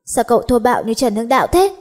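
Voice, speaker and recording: A proud, sharp-tongued teenage schoolgirl, voiced by a woman reader. Her tone is mellow and husky. She fires back quick retorts. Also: a little high, lively intonation. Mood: feisty.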